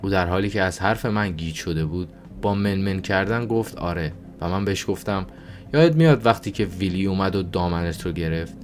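A man with a very low voice reads an audiobook aloud. His delivery is calm and even, and soft music plays faintly behind him. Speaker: audiobook narrator. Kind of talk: audiobook narration.

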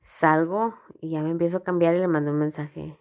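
A woman talks through a personal story in a loose, rambling way, leaning on filler words as she goes. Her voice sits a little low for a woman. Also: steady tone, brisk, a little mellow. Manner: frank, rambling, heavy use of filler words.

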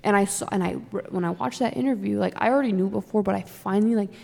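Young woman with a gravelly voice, echoey room. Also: mid-range voice, quick pace, mellow. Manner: rambling, emotional, many "like" fillers. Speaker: sports fan podcast co-host. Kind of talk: casual chat. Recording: long reverb in the room.

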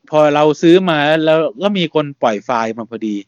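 A man hosting a casual podcast, talking in a relaxed, chatty way and laughing often. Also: a little high, a little fast, no room sound, dull audio. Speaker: podcast host.

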